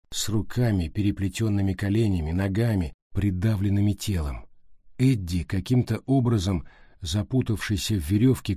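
A man narrating an audiobook in a steady, even storytelling voice. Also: fairly low pitch, breathy edge, no room sound, clean studio sound. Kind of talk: scripted narration.

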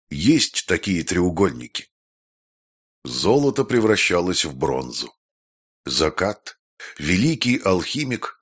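A man narrating an audiobook, reading the prose and acting out the characters' voices. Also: fairly low pitch. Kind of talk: scripted narration.

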